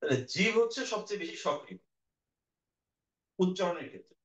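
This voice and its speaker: This male teacher's voice sits high and comes across expressive and slightly bright as he patiently lectures a class, demonstrating vowel sounds and addressing the students directly. It's a recorded lecture with slow explanations, captured in dull, echoey room sound.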